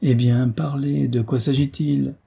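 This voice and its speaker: A man's voice: mid-range voice, fairly even intonation, unhurried, creaky, warm tone, slightly rough, pitched above the performer's own voice, full character voice. A man voicing a gracious, teasing royal princess in an audiobook story, raised to a lighter, playful tone.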